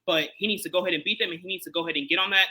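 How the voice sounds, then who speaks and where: A man from Chicago, a guest on a boxing interview, talking in a casual, animated way, restarting and repeating himself with many fillers. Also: high voice, very fast, rough recording.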